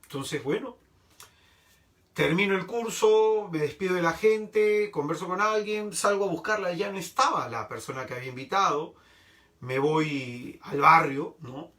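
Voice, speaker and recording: A man's voice: fairly high pitch, measured pace, sharp tone, recorded from a distance. A man preaching a sermon, telling testimonies expressively and often adding rhetorical tag questions.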